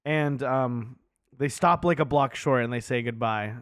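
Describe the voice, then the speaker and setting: A man's voice: medium pitch, unhurried, smooth, no echo, clean studio sound. A man co-hosting a podcast, recapping a movie in casual chat and acting out the characters' lines. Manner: animated, acts out characters' lines in quotes. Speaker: podcast co-host.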